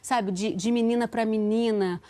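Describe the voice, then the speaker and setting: A woman's voice: fairly high pitch, steady tone, normal speed, mellow. Earnest woman guest recounting a memory. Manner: earnest, restarts and trails off. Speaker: talk show guest. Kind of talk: emotional storytelling.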